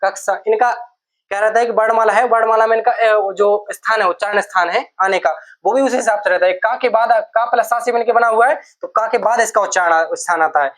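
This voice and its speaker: Male teacher, classroom lecture; dictates slowly, repeats phrases, answers his own questions. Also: high voice, fairly bright tone. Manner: dictates slowly, repeating words for students to note down; asks questions and answers them himself.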